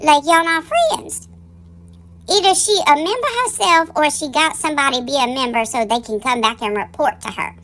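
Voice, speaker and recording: A woman's voice: high voice, fairly quick, hardly any pauses, a bit bright. A woman giving casual gossip commentary in a sassy, campy, theatrical drag-queen style, folksy and colloquial. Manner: folksy, colloquial, addresses listeners as darlings. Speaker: online drama commentary host.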